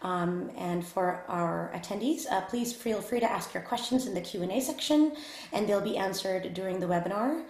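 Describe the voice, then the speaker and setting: A woman's voice: medium pitch, moderate pace, a little mellow. A woman with a mid-range voice hosts a webinar, introducing the speaker in a polite, formal manner with frequent fillers. Her voice carries a noticeable room echo. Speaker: webinar host.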